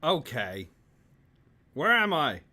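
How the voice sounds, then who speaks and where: A man's voice: on the high side, big pitch swings, takes it slowly, pushed and bright. A man hosting a casual live-streamed talk show, joking and laughing easily as he wraps up. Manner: joking, laughs often, loose with fillers.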